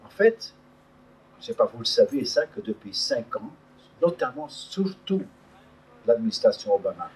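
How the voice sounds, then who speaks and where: A man's voice: medium pitch, sing-song, moderate pace, pauses often, a little hiss or hum. An older man from Hungary giving a public talk at an evening debate around a table, hesitant and full of fillers and restarts. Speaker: invited speaker. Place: meeting room around a table, above a restaurant. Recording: distant mic in a meeting room.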